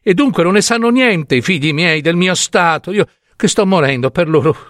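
A man voicing a frantic, heartbroken poor old mother in a story reading, with high, strained wailing cries. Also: wildly swooping pitch, fairly quick, fairly bright tone, dry recording, studio quality. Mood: anguished. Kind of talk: dramatic audiobook reading.

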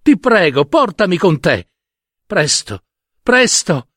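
Man putting on a small poor girl's voice, freezing, begging, high and pleading, slow storybook reading, dry close sound. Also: sing-song, fairly bright tone, no room sound, exaggerated voice.

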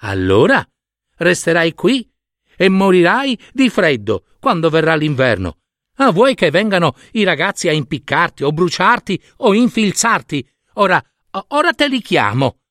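A man's voice: high-pitched, very animated, normal speed, a bit bright, dry recording, clean studio sound, voice pushed up. A man voicing a bossy mother stork in a storybook reading, drilling her chicks with counted beats. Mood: firm.

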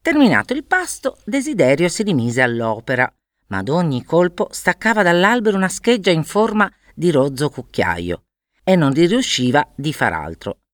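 A woman narrating a fairy tale with an expressive storybook manner. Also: low-pitched, normal speed, no echo, studio quality.

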